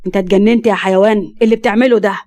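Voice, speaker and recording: A woman's voice: medium pitch, steady tone, very fast, a little mellow, natural voice. Woman voicing a stern scolding father. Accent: Egyptian Arabic. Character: stern, angry middle-aged father.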